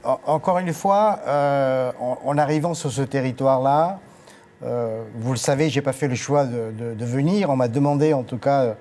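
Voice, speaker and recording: A man's voice: mid-range voice, normal speed, dark tone. An older man being interviewed on TV as a departing director, speaking formally with frequent hesitations. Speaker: guest, agency director. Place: TV studio.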